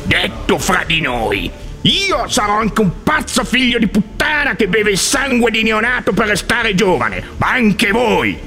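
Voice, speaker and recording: A man's voice: high-pitched, sing-song, unhurried, sharp tone, soft background music, exaggerated voice. A man playing a deranged, amoral, foul-mouthed doctor who rants crudely and arrogantly in a satirical medical mockumentary. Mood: smug contempt.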